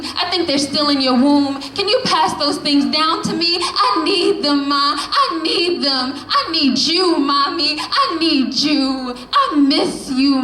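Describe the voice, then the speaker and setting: A woman's voice: high voice, sharp tone, a little hiss or hum. A woman, performing spoken word poetry at a poetry café with impassioned, rhythmic repetition. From the Bronx, New York. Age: 20s. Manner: impassioned, rhythmic, repeating lines for emphasis. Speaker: poet at an open mic. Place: poetry café reading room. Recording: echoey room with faint ambience.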